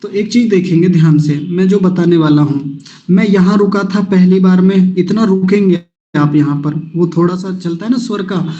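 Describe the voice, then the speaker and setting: A male teacher with a fairly high, mellow voice, leading a recitation class at an unhurried pace. He drills syllables patiently, one at a time. The audio is a little dull. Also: steady tone.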